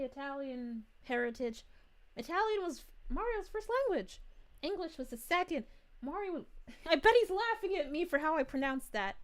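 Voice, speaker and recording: A woman voicing a sweet, bubbly young princess, reading chat live in character and giggling often. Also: high voice. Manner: giggly, gushing, chatty.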